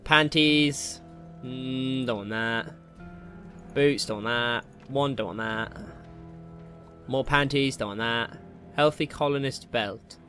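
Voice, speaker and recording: Taking it slowly with long pauses, a man with a mid-range, pushed and bright voice hosts a Let's Play. His casual commentary consists of jokey, slangy asides to himself, set against video game music.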